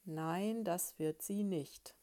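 A woman's voice: on the low side, extremely slow, dark tone. A woman voicing a tired male beetle who mutters sleepy, half-whispered answers.

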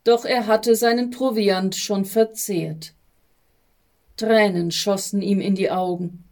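A woman narrating a storybook in a measured reading. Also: mid-range voice, steady tone, creaky, a little mellow.

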